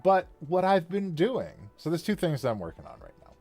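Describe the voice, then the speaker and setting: A man hosting a casual chat about building a fantasy world, talking in a lively way with frequent laughs and restarts. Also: fairly high pitch, a little fast, soft background music. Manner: animated, laughs often, trailing restarts. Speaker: podcast host and worldbuilder.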